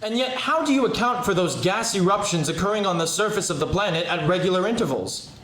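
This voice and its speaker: A man's voice: high-pitched, lively intonation, fast, crowd noise. A man playing an eager, formal 1930s radio field commentator in a live radio play, inquisitive and announcer-like. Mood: probing, formal. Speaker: actor. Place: live theatre stage. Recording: echoey live stage performance.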